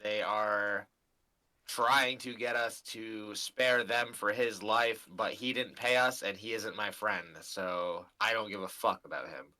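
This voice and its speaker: A man's voice: lowish voice, fairly even intonation, measured pace, pushed and bright, poor audio. Crude joking man at a game table. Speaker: player. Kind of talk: casual tabletop banter.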